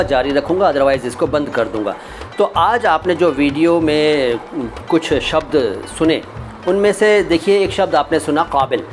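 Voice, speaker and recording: A man giving a pronunciation lesson, saying each word slowly and carefully and repeating it. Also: fairly high pitch. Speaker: language teacher.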